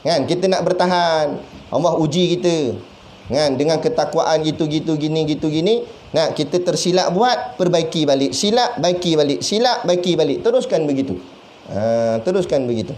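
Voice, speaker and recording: Lively Malaysian Malay preacher man. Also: on the high side, normal speed. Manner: lively, animated and conversational, asks questions and acts out voices. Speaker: religious teacher. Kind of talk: sermon. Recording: echoey room with faint background noise.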